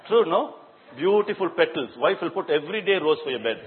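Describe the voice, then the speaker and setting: A man's voice: on the high side, lively intonation, fairly quick, a faint crowd, slight background noise. Man, preacher, dramatic storytelling sermon, tinny lo-fi sound, long hall reverb. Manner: dramatic storytelling with sudden loud and soft swings. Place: church hall.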